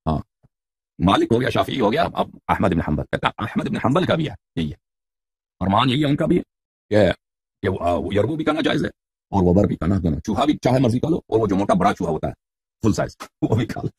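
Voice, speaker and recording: The voice belongs to a middle-aged man speaking fairly low, gravelly and slightly rough, with big swings in pitch. He is a religious debater giving a lecture, reading Arabic book titles, explaining them in Urdu, and mockingly questioning his audience.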